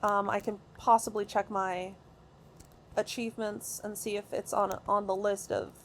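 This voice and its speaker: A woman giving casual, excitable gameplay commentary from her recording room at home, rambling with many fillers and restarts. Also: medium pitch. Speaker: gaming video creator.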